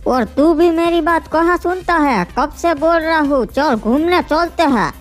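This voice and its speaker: A woman voicing a bossy male street-tough older brother who talks in rough, bullying slang in a cartoon skit. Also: sits high, unhurried, soft background music. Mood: swaggering. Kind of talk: cartoon voice acting.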